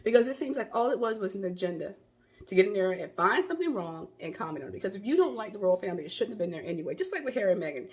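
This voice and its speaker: A woman's voice: mid-range voice, big pitch swings, very fast, a little mellow. An American woman hosting an opinion channel, delivering an emphatic, scolding commentary monologue straight to her viewers. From United States.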